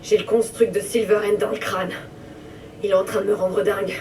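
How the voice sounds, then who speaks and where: A woman's voice: mid-range voice, little pitch movement, brisk, darkish tone, close to an everyday voice. A woman as a blunt, demanding female mercenary; game dub, distant and noisy.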